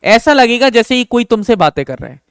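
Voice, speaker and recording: A male teacher giving an exam-prep lesson that mixes Hindi and English. He asks himself questions and answers them, repeating key terms slowly. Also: very high voice, big pitch swings, clear, resonant tone, no room sound, clean studio sound.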